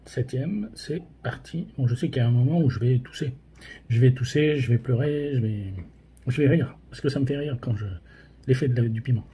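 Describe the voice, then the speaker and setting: Halting Frenchman, mouth burning from spicy food. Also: mid-range voice, warm tone, slight background noise. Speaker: host of a hot sauce tasting challenge. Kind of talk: casual commentary while tasting.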